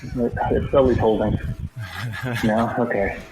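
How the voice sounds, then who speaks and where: A man's voice: medium pitch, fairly even intonation, slow. A man joking and teasing as a guest in a casual podcast chat. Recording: dull roomy noisy call audio.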